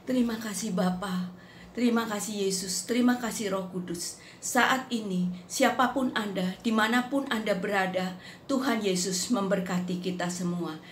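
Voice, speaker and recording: A woman telling a faith testimony in an unhurried, earnest devotional manner. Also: medium pitch. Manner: unhurried, earnest storytelling that acts out quotes. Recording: roomy echo with faint background noise.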